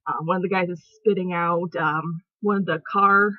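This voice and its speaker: A young woman chats casually about a movie on her home vlog, giggling, rambling and using lots of fillers. Her voice is lowish with fairly even intonation at a normal speed, and the dull, lo-fi home recording has no room sound.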